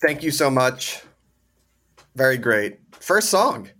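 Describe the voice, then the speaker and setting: A man's voice: mid-range voice, sing-song, slow, pushed and bright. A man hosting a casual interview, upbeat and eager, asking long winding questions. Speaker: interview host.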